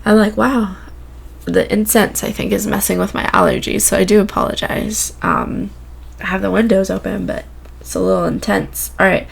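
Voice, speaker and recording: A woman giving a gentle, reflective spiritual card reading from home, with many filler words. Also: mid-range voice, steady tone, normal speed, gravelly, breathy edge. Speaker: oracle card reader. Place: home room with windows open.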